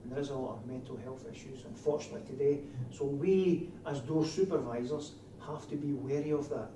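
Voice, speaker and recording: Here the Scottish trainer's voice is medium-pitched and dark, moving a little fast as he teaches door supervisors in his broad accent and puts questions to the class. The sound is distant and echoey, with faint noise.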